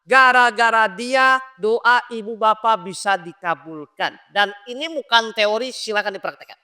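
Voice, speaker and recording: Male preacher, sermon in a mosque, high pitch, keeps questioning the listeners. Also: normal speed, pushed and bright, smooth. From Indonesia. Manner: addresses listeners directly with questions.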